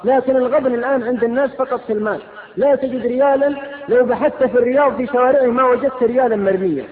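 Passionate preacher, rapid and scolding, recorded thin and phone-like in an echoing hall. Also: male voice, extremely high pitch. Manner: impassioned, rhetorical, scolding. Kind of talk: fiery sermon. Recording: lo-fi phone-like sound, long hall reverb.

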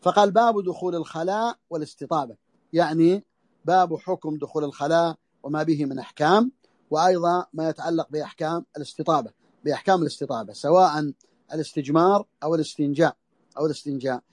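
A man's voice: fairly high pitch, fast, a little mellow, no room sound. A man teaching a religious text in a lesson, often repeating phrases for emphasis. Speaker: Islamic scholar teaching a text. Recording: audio lesson over the internet.

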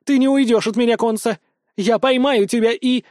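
A man's voice: high-pitched, a little slow, mellow, dry recording, studio quality, pitched above the performer's own voice. Man playing a purring, lovestruck young empress. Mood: commanding.

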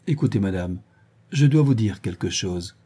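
A frightened, suspicious little boy locked in a cell fires off pleading questions, as a man reads him aloud. The voice sits a little higher than the reader's own, with a dark, husky grain underneath, told like a storybook. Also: expressive, moderate pace. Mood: earnest. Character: young boy held captive, anxious and wary.

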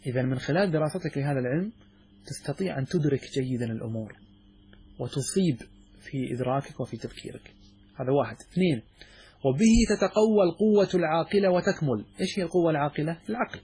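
A man's voice: on the high side, animated, fast talker, mellow, a little hiss or hum. A man teaching a class as a sheikh, who asks his students questions, answers them himself and often stops and restarts his sentences. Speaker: sheikh teaching a logic text. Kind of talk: classroom lecture.

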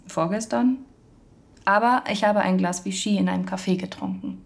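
A young woman with a medium-pitched, creaky voice speaks at a normal pace. She's an actress in a naturalistic radio drama, playing an earnest, polite member of the wartime resistance who is chatty, eager, and a bit flustered.

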